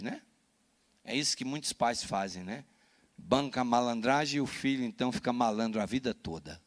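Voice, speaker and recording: A Brazilian man, a pastor, telling a personal story in a sermon, animated and often adding "né?" to his lines. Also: mid-range voice. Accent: Brazilian Portuguese. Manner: animated storytelling with frequent "né?" tags. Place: church.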